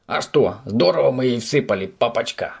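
A man's voice: fairly low pitch, animated, moderate pace. A man voicing a cheeky, mischievous little creature who teases and mimics others gleefully.

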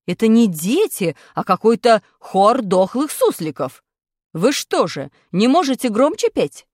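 A woman's voice: mid-range voice, very animated, a little slow, dry recording, studio quality, voice pushed down. A woman voicing a stern, bossy female school singing teacher who barks orders in a children's story. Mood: scolding. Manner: strict, barking orders. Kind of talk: storybook character voice.

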